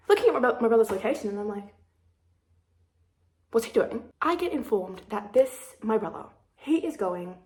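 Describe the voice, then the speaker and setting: Her voice is mid-range with a darkish tone. A vlogger of about 19, almost 20, she rambles dramatically to camera in a casual, confessional chat, often poking fun at herself.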